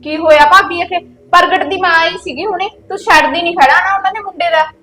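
High-voiced scolding sister-in-law, Punjabi accent, reproachful village drama, a woman acting it. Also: brisk, bright, forceful tone, a little hiss or hum. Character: stern scolding sister-in-law, young woman, quick to anger. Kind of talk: village web-series drama.

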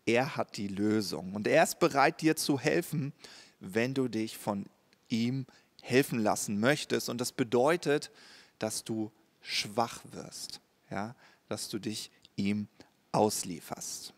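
A man's voice: mid-range voice, takes it slowly. A man preaching a sermon as a pastor, speaking straight to the listener and often checking in with a short "ja?". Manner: direct address with frequent "ja?" check-ins.

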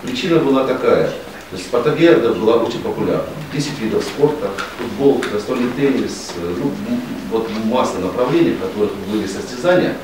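A middle-aged district official speaking in a businesslike way, with frequent hesitation fillers. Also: male voice, mid-range voice, animated, a little fast, recorded from a distance. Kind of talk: formal reception conversation. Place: office reception room, indoors. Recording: echoey office room from afar, noisy.

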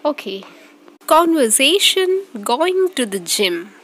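A woman reading both parts of a short scripted English practice dialogue, clearly and evenly. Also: high-pitched, very animated, takes it slowly, a bit bright. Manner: reads both parts of a short dialogue, repeated at varied speeds.

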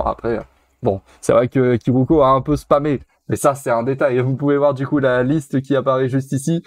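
A man's voice: medium pitch, a little mellow, no echo. A man giving casual, chatty commentary while streaming a video game, repeating himself and using many fillers. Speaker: let's play streamer.

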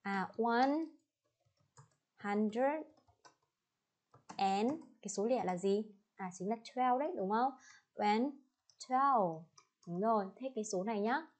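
A young woman teacher with a Vietnamese accent, drilling English numbers and addresses slowly and checking in with her pupils. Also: on the high side. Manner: slow, clearly spelled-out English words, checks in with the class. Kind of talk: classroom lesson with drills.

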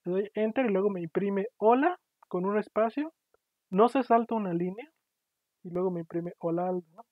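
This man, a university lecturer, teaches programming online at a moderate pace in a high voice, patiently explaining and often asking how his students are following. There's no room sound, and the class audio comes through tinny, dry and phone-like.

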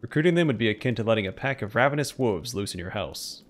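A man's voice: on the low side, lively intonation, fast talker, lightly acted. A man voicing a wary, stern adviser who gives cautionary, formal counsel in game dialogue read aloud.

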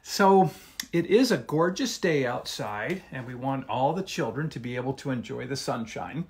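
A man's voice: mid-range voice, expressive, normal speed, darkish tone. Guy hosting kids story hour, upbeat, voice bouncing around. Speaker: host. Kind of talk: casual chat.

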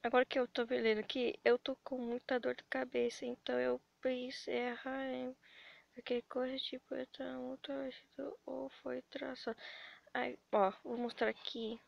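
A high-pitched woman with a Brazilian accent talks breathlessly, anxious and close to tears. Her voice has a gravelly fry, and she rambles through halting restarts. The sound is dry and close. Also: flat delivery, no room sound, dull audio. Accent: Brazilian Portuguese. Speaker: animation channel creator. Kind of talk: emotional webcam vlog.

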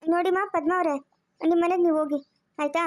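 A woman's voice: very high voice, steady tone, quick pace. A woman, playing a stern police officer who gives commands in an amateur family drama.

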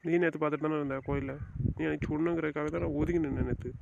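Guy doing a young husband begging his wife to stay, fast talker, gravelly edge, kinda dull lo-fi audio. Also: a little high, steady tone, noisy background. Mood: pleading. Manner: begging, soothing, insistent. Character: young husband, pleading and remorseful. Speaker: actor in a web drama. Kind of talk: melodramatic family drama acting.

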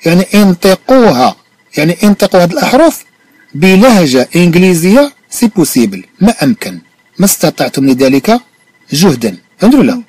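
His voice is high and a little mellow, with big pitch swings, as this Moroccan man teaches a language lesson. He reads each phrase slowly, explains it and confirms the listener understood, in a recording with no echo.

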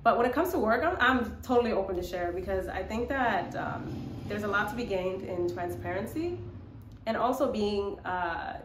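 Speaking at a normal speed with lively intonation and a mid-range voice, this young woman vlogs to camera in a relaxed, reflective way against a noisy background. She is a vlogger, model and actress in her young adult years, born in Ethiopia to South Sudanese parents and brought up in Minnesota, United States. The small indoor room by the window sounds echoey.

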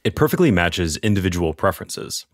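Man, very deep voice, dry sound, quick jokes, podcast co-host. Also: big pitch swings, no room sound. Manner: witty, quipping. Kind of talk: casual podcast chat.

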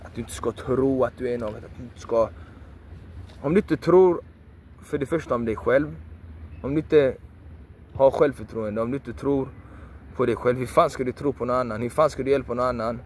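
A man's voice: mid-range voice, pauses often, a little hiss or hum. A man giving a passionate motivational monologue, repeating phrases emphatically, swearing for emphasis and sounding preachy. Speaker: video creator.

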